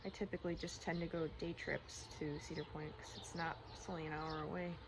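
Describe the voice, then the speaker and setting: A woman talking candidly in a personal vlog, in a rambling, halting, casual way, often repeating herself. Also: deep voice, level tone. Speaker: personal vlogger. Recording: clearly noisy outdoor-like ambience, birdsong. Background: birdsong and environmental noise.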